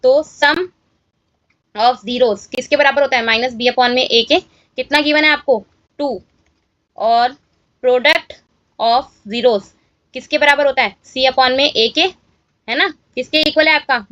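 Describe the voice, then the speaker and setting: A woman with a high voice teaches a maths lesson, talking students through each step and pausing to check they follow. The sound is dry and a little dull, like a lo-fi recording. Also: a bit bright, no echo. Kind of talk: exam-solution walkthrough lesson.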